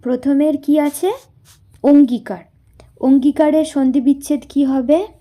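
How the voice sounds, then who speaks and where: A woman's voice: sits high, steady tone, measured pace, mellow. A woman teaching a class lesson, spelling words out syllable by syllable and answering her own questions.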